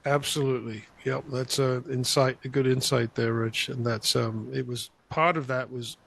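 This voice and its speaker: An older man from England who grew up in Spain, telling animated, rambling stories as an interview guest over a video call. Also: mid-range voice, moderate pace, gravelly, breathy edge. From England, raised in Spain. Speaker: guest artist. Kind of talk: conversational interview storytelling. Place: home room, indoors. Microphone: large podcast mic on a video call, headphones.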